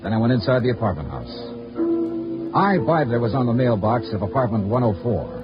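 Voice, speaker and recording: In a mid-century 1950s radio detective drama, a male actor plays a terse, cynical, commanding insurance investigator, narrating briskly in the first person and questioning people in a clipped, wry manner. His mid-range voice is very animated and fairly quick, yet close to an everyday voice. The dull vintage radio recording has music behind it.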